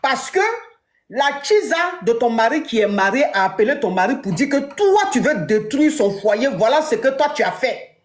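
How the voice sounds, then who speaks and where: A woman hosting a chat as a relationship coach, retelling a story with lively acted-out dialogue. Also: moderate pace, roomy sound. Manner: animated, acts out dialogue with big pitch jumps.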